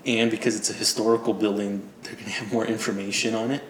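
A man's voice: fairly low pitch, flat delivery, quick pace. A man narrating as game master in a casual, joking way. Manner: casual, laughing, loose and joking. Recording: echoey room with faint ambient noise.

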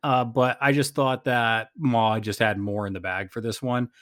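A man's voice: mid-range voice, steady tone, normal speed, a bit bright, no room sound, clean studio sound. A man hosting a casual chat that recaps a game, rambling and thinking aloud as he goes. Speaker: podcast host.

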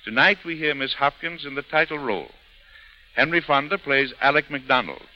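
A guest host and narrator presents a scripted 1930s radio programme, his slightly high voice brisk and lively in intonation. He delivers it in a formal, theatrical style, and the old broadcast sounds muffled.

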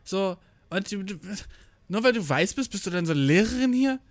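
A man's voice: high voice, lively intonation, moderate pace, no room sound. Slangy ranting young man, dry close sound. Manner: rambling, heavy slang and swearing, quotes himself. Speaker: vlogger. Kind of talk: casual slangy monologue. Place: indoors, travelling abroad.

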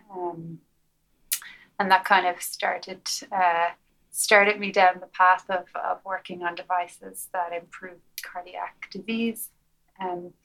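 A woman's voice: fairly low pitch, gravelly, fairly bright tone, low-quality recording. A woman with a west of Ireland accent giving conversational interview answers as a researcher, hesitating and repeating words as she goes. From Galway, west of Ireland. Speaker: interview guest, academic researcher.

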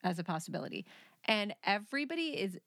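A woman's voice: mid-range voice, sing-song, quick pace, vocal fry, a bit bright, no echo. Dry-recorded woman hosting a true-crime podcast. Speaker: podcast host. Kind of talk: conversational true-crime storytelling with banter.

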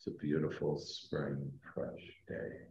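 Very deep, slow male sleep-story style meditation guide. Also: vocal fry. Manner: soft, hushed, calming delivery with long pauses. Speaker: spiritual teacher and meditation guide. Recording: dull, roomy echoing sound.

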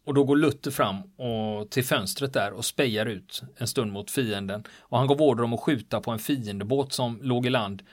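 Speaking at medium pitch with few pauses, a man vividly recounts wartime events on the island where they occurred, performing the quoted words of the people in the story in a casual style. The sound is clean studio audio with no room sound.

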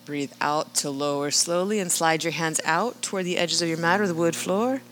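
Woman yoga instructor, low-pitched, steady class cueing, faint background hum. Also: moderate pace. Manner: calm, cueing breath and movement, with rhetorical "right?". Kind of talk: guiding a live yoga class.

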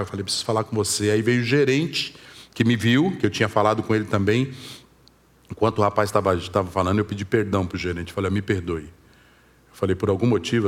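A man preaching with a Brazilian accent, telling a personal story in his sermon, swinging from loud, raised passages to hushed confession. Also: on the low side. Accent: Brazilian Portuguese. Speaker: pastor.

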